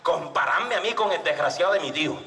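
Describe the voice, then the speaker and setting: A man telling a comic story on stage, animated and full of sound effects and shouts, at a live storytelling event. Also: fairly high pitch, brisk. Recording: echoey stage mic from far off.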